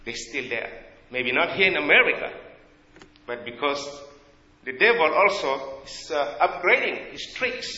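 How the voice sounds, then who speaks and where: A South Sudanese-accented man preaching a sermon with a bright, forceful voice set a little high. He speaks earnestly and haltingly, pausing to find his words. The sound is dull and lo-fi, ringing through a large reverberant church hall. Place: church in America.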